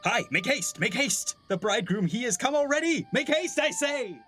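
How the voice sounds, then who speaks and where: In a classical Shakespeare play, a man with a very high, fairly bright voice plays a fussing older father and master of the house, commanding and theatrical. He speaks at a moderate pace with lively intonation in a full character voice, bustling and impatient. Soft music plays in the background.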